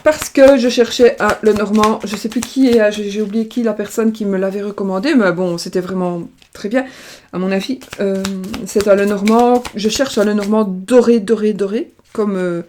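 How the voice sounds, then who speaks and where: Middle-aged woman doing a tarot reading on stream, mellow soft voice, rambles and restarts a lot. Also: mid-range voice, moderate pace, a little hiss or hum. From France. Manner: rambling, many fillers and restarts. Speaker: tarot card reader. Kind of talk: casual card-reading livestream. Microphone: webcam or desk mic, video call style.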